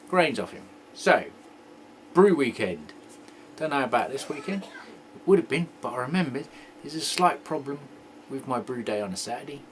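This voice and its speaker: A man hosting a homebrew video, chatting casually as he tastes a beer, rambling and joking and often clearing his throat. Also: on the high side, fairly bright tone, a little hiss or hum. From England. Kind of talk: casual homebrew tasting chat.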